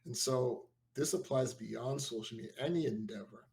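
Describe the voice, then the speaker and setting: A middle-aged man co-hosting a casual podcast chat, telling stories in a relaxed way, full of "like" and "right?". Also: medium pitch, moderate pace, vocal fry, poor audio. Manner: storytelling, relaxed, peppered with "like" and "right?". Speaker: podcast co-host.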